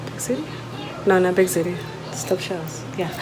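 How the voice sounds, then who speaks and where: A woman with a lowish voice films a home cooking video, talking informally and directly to whoever's watching. She speaks at a moderate pace, and there's obvious noise throughout the recording.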